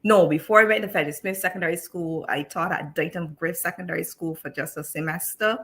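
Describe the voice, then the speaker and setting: A woman's voice: lowish voice, steady tone, a little fast, fairly bright tone. A woman in her thirties from Barbados, a teacher telling her story as a guest on a live-streamed interview, chatty with many restarts.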